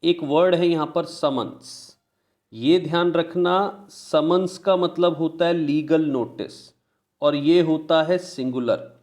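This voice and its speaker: Slightly high and a bit mellow, a man's voice with an Indian English accent guides listeners through grammar. He explains in Hindi, slowly reads out sample sentences, and responds to his own questions.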